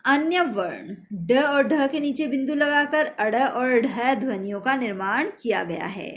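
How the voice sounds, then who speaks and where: Slow, patient woman teaching grammar. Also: on the high side. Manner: slow and patient, spelling out sounds one by one. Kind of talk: grammar lesson for children.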